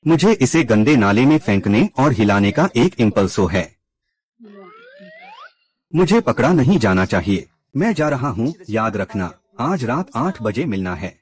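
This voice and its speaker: A man's voice: medium pitch, sing-song, measured pace. A man narrating a drama recap in a scripted way, reading out every character's lines himself.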